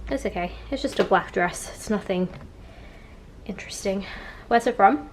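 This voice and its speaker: A young woman in her twenties talks to her camera at home in a relaxed, chatty vlog, leaning on "like" as she goes. Her voice sits at an ordinary middle pitch. A clear hum of room ambience runs under the recording. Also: normal speed. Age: 20s. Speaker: vlogger. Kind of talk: casual vlog chat. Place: at home, indoors. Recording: noticeable room ambience noise.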